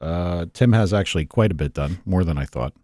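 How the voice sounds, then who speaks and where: A podcast co-host with a very deep voice, talking in a laid-back, grumbling way and swearing now and then. He sounds close-miked in a dry studio. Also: fairly quick, a little mellow, dry recording. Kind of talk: casual studio chat.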